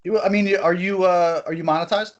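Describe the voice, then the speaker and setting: A man's voice: high voice, fairly even intonation, a little fast. A man interviewing a guest in a loose, casual chat, swearing freely, heard remotely over an online voice-chat call. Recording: dull lo-fi voice-chat audio.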